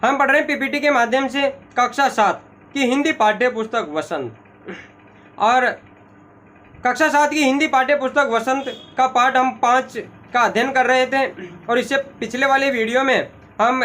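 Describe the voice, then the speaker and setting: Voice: high-pitched, normal speed, a bit bright. A teacher explaining a school story lesson, retelling the scenes dramatically and repeating key lines.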